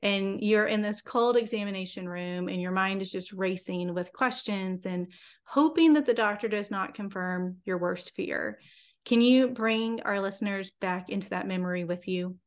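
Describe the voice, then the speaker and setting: Gentle woman podcast host. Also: medium pitch, moderate pace. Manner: gentle, encouraging, soft-spoken questions. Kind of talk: conversational interview.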